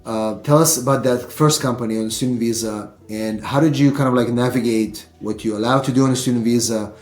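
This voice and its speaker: Male podcast host, mid pitch, rambling, echoey home studio. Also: steady tone, a little fast, a little mellow, soft background music. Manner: rambling, many fillers and restarts. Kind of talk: casual interview.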